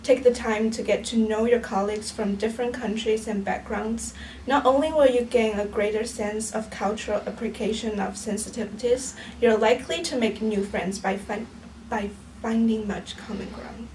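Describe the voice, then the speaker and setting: A woman with a Chinese accent presents in a measured, steady way, her voice slightly high. She sits a little away from the mic, with a faint hiss of background noise. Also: distant mic, rough recording. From southern China. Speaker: student presenter.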